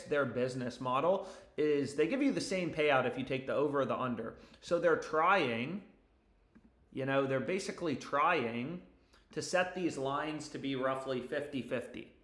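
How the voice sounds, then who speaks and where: Giving betting picks on his livestream, a young man chats casually with sweary frat-bro slang. His voice is on the high side, fairly bright, with lively intonation and normal speed. The room sounds echoey and spacious.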